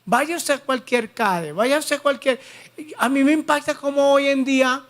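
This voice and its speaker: A man's voice: very high-pitched, a bit bright. Man preaching a sermon. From Colombia. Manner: preaching with dramatic Bible reading, sometimes slowing for emphasis. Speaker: pastor.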